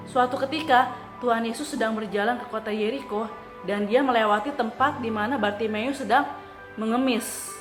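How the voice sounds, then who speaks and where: A woman teaching children at church, telling a story in an animated way and asking the kids questions. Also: fairly high pitch. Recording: echoey room with faint music.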